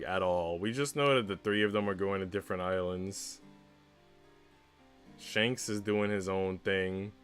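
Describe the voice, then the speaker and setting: A man with a low-sitting, smooth voice and a fairly bright tone reads a visual novel aloud on a live stream. Between the narration he chats casually, slangy and a bit sweary.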